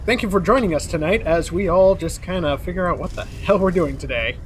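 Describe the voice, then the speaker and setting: A man's voice: high voice, a little fast, slight background noise. A man running a live-streamed tabletop game as game master, easygoing and laughing often. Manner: laughing, easygoing, distracted by tech.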